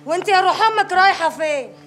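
A woman's voice: extremely high pitch, fast talker, a bit bright, soft background music. An actress playing a domineering village woman in an Egyptian TV drama, scolding and mocking in an Egyptian Arabic accent. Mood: bossy. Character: domineering village woman mistress, sharp-tongued.

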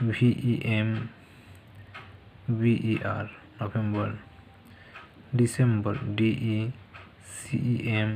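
A man gives a spelling lesson to children, sounding out each word and spelling it letter by letter at an unhurried pace. His voice stays level and even throughout, with a faint hiss in the background. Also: fairly low pitch. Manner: slow, spells out letters one by one. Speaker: teacher.

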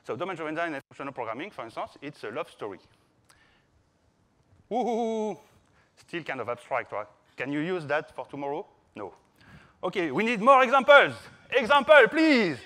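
A software developer from France, in his thirties, gives a playful and informal talk to a conference audience from a large indoor hall stage. His French-accented voice sits on the high side and is very animated, bright and forceful, at a moderate pace.

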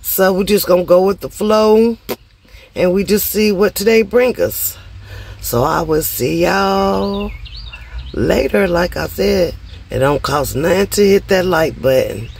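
A woman's voice: fairly low pitch, expressive, measured pace, vocal fry, a little mellow, husky. A middle-aged woman chatting casually to her phone camera from a parked car, greeting viewers in a sing-song way and calling them y'all. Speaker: vlogger. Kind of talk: casual vlog chat to camera. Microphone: phone held at arm's length.

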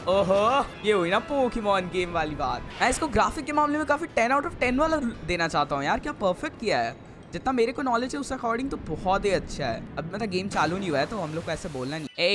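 Excitable young man gaming, chatty. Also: high-pitched. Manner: excitable, chatty, calls viewers bro. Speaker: gaming YouTuber. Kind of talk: casual let's-play commentary.

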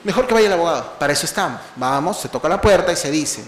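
A man lectures at a legal seminar in a fairly high voice, piling up rhetorical questions and long spoken lists. His delivery is animated. The sound carries the echo of a roomy lecture hall. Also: fast. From Peru.

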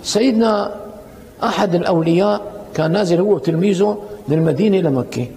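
A man with a Syrian accent giving a colloquial sermon, telling stories in a lively, conversational way. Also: sits high, fast talker, vocal fry, a little hiss or hum. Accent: Syrian Arabic. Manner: lively, conversational, many fillers. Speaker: sheikh giving a lecture. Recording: reverberant hall with faint ambience.

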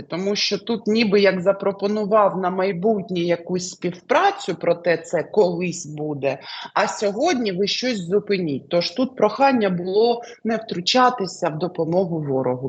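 A woman's voice: mid-range voice, a little mellow, slightly rough, dull audio. A woman answering questions with predictions, hesitant and filler-heavy, often trailing off into loose lists. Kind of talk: casual spoken predictions.

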